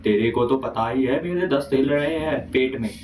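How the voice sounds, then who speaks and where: A woman's voice: extremely low pitch, normal speed, pitched below the performer's own voice. A woman voicing a lazy old father-in-law who grumbles and makes excuses in a cartoon story. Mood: grumbling. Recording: echoey room, distant mic, loud noise.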